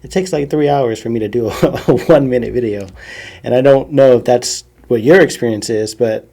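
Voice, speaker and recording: Male podcast host, low and gravelly, mellow tone; easygoing, lets phrases fade out. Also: brisk. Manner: relaxed, trails off softly at phrase ends. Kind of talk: casual interview chat.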